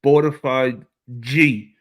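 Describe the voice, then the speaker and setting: A man hosts a casual live stream, reading out viewer comments and answering each one in loose, slangy talk. He speaks at an unhurried, drawn-out pace. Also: mid-range voice, fairly even intonation, a bit bright, a little hiss or hum. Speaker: livestream host reading chat.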